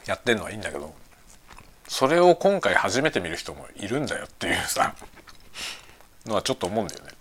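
A streamer in his forties rambles casually while eating bread, musing aloud, often seeking the listener's agreement, and sometimes talking through a mouthful. His low, husky voice is sing-song and fast with a fairly bright tone, broken by long pauses.

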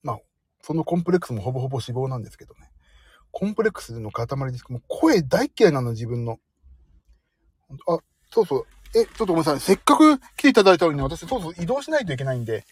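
A man's voice: fairly high pitch, big pitch swings, fast, husky, dry recording. A man hosting a casual live stream from his parked car, chatting in a self-deprecating way and reading out listener comments. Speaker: livestream host.

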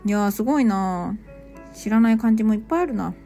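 A woman's voice: medium pitch, animated, a little fast, warm tone, soft background music. A woman who teaches English at a cram school, chatting casually on a live stream and reacting to listener comments with small laughs.

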